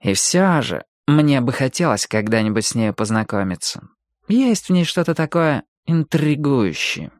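A smooth, coaxing young ghost with courteous manners, speaking in a lively voice that rises and falls, as a male narrator puts him on. It is an audiobook read close to a dry mic. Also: mid-range voice, a little slow, no room sound. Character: smooth, charming young male skinjacker leader.

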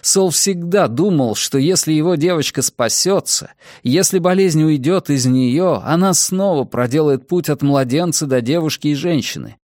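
A man narrating an audiobook in a measured, dramatic reading style. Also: fairly high pitch, darkish tone, no room sound, studio quality. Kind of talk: scripted narration.

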